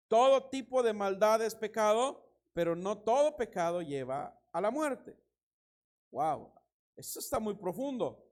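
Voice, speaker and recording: A man preaching a sermon as pastor, reading scripture and telling anecdotes with lively emphasis and a Mexican Spanish accent. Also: sits high. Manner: animated preaching, reads scripture, tells anecdotes with laughter.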